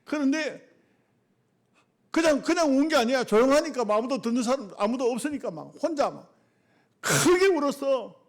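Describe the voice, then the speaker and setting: Middle-aged male pastor, high-pitched, colloquial and emphatic, full of repeated phrases. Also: very animated, moderate pace, long pauses. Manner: colloquial preaching with rhetorical questions to the congregation; repeats short phrases, swinging from loud emphatic bursts to low quiet asides. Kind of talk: sermon.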